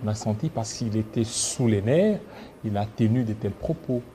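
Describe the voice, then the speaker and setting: Man from Congo, political show host, mellow dark voice, deliberate questioning, faint background noise. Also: fairly low pitch. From Democratic Republic of the Congo. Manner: measured, pressing questions, slow deliberate phrasing. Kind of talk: political interview.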